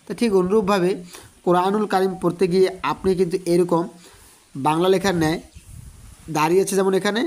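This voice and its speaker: A man giving an online Quran reading lesson, who spells out letters slowly and repeats them for his students. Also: high voice, steady tone, darkish tone. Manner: slow, repetitive spelling-out of letters; addresses students directly, encouraging.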